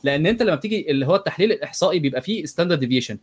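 Male co-conversationalist, Egyptian accent, slightly high, very fast, casual, sprinkles English jargon. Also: animated, breathy edge. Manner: mixes English technical terms into Arabic. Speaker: conversation partner questioning the analysis. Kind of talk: casual chat.

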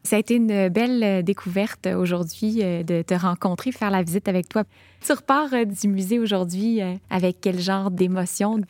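A woman's voice: mid-range voice, moderate pace, darkish tone, no room sound. A woman podcast host with a Quebec French accent, asking curious questions in a loose, casual way with fillers. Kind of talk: casual interview.

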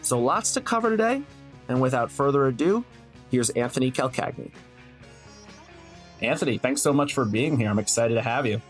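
A man's voice: medium pitch, animated, normal speed, long pauses. Earnest male podcast host, faint music. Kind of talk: scripted intro, then interview questions.

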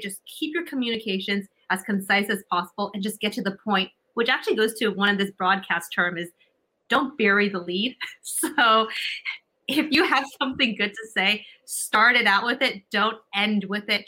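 A woman's voice: mid-range voice, sharp tone, low-quality recording. A woman being interviewed as a communication coach, giving emphatic advice and often checking in with "right?". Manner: emphatic, repeats key points.

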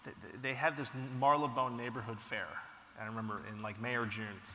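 A man being interviewed as a company founder, telling stories in an animated, casual way with frequent restarts. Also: medium pitch, a little fast. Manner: animated storytelling, frequent restarts and "you know". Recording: echoey hall with long reverb.

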